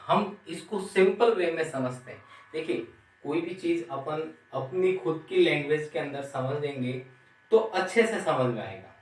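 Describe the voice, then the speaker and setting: A man teaching a grammar lesson, speaking slowly and repeating key terms as he asks the class questions. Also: fairly high pitch, fairly bright tone. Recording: roomy, from some distance.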